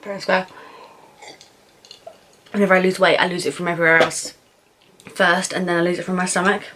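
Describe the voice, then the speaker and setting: Her voice is low-pitched with little pitch movement, and background noise is audible as this young British woman chats through a casual Q&A while eating. Answering viewers' questions, she speaks informally and frankly, thinking aloud with pauses and swearing.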